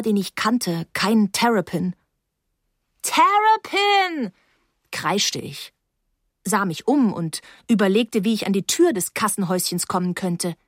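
A woman reading a novel aloud in the first person with an expressive, dramatic delivery. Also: mid-range voice, no room sound, studio quality. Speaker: audiobook reader. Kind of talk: expressive audiobook narration.

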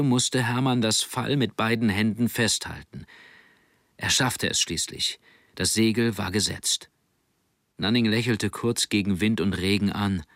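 A man narrating an audiobook in a steady, measured reading. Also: on the low side, no echo, clean studio sound. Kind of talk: scripted narration.

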